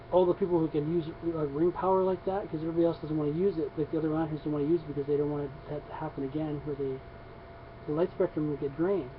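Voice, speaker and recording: A man talking casually on camera about his comic book pickups, rambling with many restarts and fillers. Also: a little high. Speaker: comics vlogger. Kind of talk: casual comic haul video. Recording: dull lo-fi sound with faint noise.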